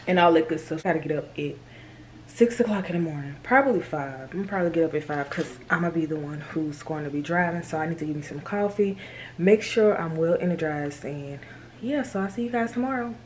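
A woman's voice: low voice, a little fast, darkish tone, slight background noise. A woman in her twenties vlogging casually to camera, chatty and slangy. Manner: laid-back, chatty, slangy. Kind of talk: casual vlog talk to camera.

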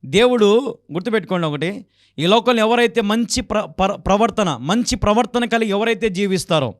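A man's voice: high-pitched, expressive, fairly quick, no room sound, clean studio sound. A man preaching a sermon as a pastor, exhorting his listeners with repeated rhetorical questions.

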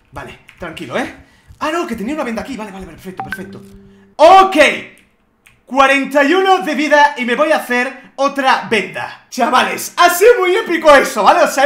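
Excitable gamer man with a Spanish accent. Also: very high-pitched, reverberant. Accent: Spain. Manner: excitable, shouts and swears at the game. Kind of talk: let's play commentary.

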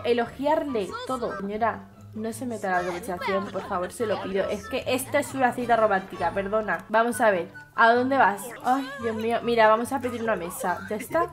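Chatty high-voiced Spanish woman gamer. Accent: Spain Spanish. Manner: chatty, exclaims and reacts to the game. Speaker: gaming YouTuber. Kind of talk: casual gameplay commentary.

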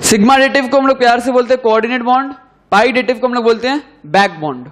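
A young male chemistry teacher with a high-pitched voice gives a classroom lecture. He dictates definitions slowly and repeats them so students can write them down. His pitch sinks at the end of each key term. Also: fairly bright tone.

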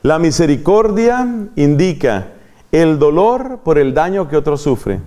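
A man's voice: on the high side, sing-song, a little slow, mellow. A man with a Colombian accent preaching a retreat sermon, repeating key phrases for emphasis and answering his own questions. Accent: Colombian Spanish.

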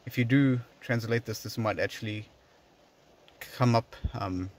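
Sitting in a parked car, a video host gives a tutorial, explaining each step in an informal, chatty way. His voice is medium-pitched and a little slow.

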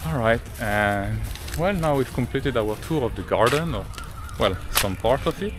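Relaxed man vlogging outdoors. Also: medium pitch, moderate pace. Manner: relaxed, hesitant, chatty with fillers. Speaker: travel vlogger. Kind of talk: casual travel vlog chat. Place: outdoors in a park. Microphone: camera held at arm's length.

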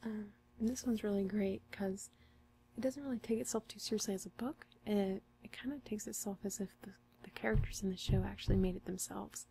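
A young woman in an ASMR role-play as a friendly, helpful librarian, speaking in a soft, intimate library soft voice. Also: mid-range voice, fairly even intonation, fairly quick, gravelly, slight background noise. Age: young adult. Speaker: ASMR performer playing a librarian. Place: small curtained room indoors.

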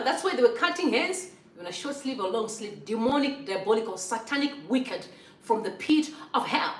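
Animated woman in an echoey kitchen. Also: fairly high pitch. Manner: animated, preachy, storytelling with emphatic repetition. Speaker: political commentary host. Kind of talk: casual political commentary vlog. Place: home kitchen, indoors. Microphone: far camera. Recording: echoey kitchen, mic at a distance.

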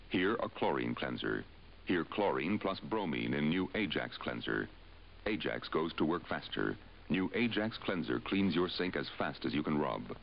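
Man, 1950s TV commercial announcer, very deep voice, gravelly, lively emphatic pitch, dull vintage TV audio, faint hiss. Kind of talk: 1950s-60s TV commercial voice-over.

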